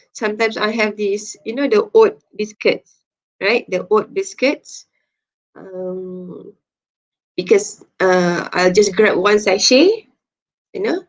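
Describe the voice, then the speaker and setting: A woman with a Malaysian English accent, teaching an online English class in a patient, chatty way over a video call. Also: medium pitch. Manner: slow, patient, chatty, reads chat names aloud. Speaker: English lecturer. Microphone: computer mic on a video call. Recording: muffled lo-fi video call audio.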